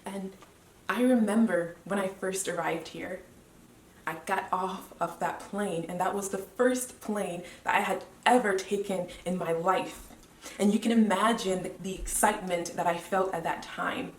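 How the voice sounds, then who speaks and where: A woman's voice: medium pitch, far from the mic. Earnest young woman in a roomy space. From Cameroon. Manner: measured and earnest, with deliberate pauses. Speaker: medical student. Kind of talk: motivational personal speech. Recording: roomy echo, voice away from the mic.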